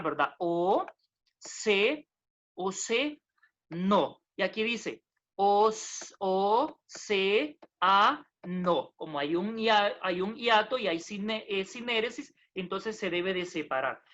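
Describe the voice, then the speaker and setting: A woman's voice: medium pitch, a bit bright. Woman, teacher, patient recorded lesson, repeats points, checking questions, muffled lo-fi sound. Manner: patient, repeats herself, tag questions, self-corrections. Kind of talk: recorded lesson explaining poetry meter. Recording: dull lo-fi recording.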